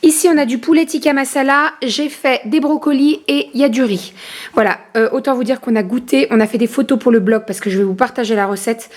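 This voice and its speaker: A woman's voice: on the high side, brisk, darkish tone. Chatty woman rambling in her kitchen. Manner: chatty, rambling with many hesitations and self-corrections. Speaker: family vlogger and mother. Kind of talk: casual home vlog chat. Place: home kitchen.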